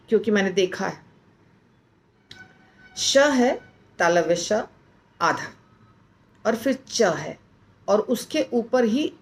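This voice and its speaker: A woman teaching how to pronounce a Sanskrit verse, repeating each word many times and breaking it into its letters. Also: medium pitch. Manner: repeats words over and over, breaking them into letters. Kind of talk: slow spoken pronunciation lesson.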